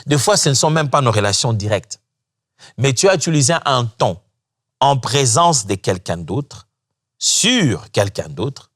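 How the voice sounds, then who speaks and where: Animated preaching man. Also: mid-range voice. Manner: lively preaching, acts out quoted voices, laughs between points. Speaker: pastor. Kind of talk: sermon.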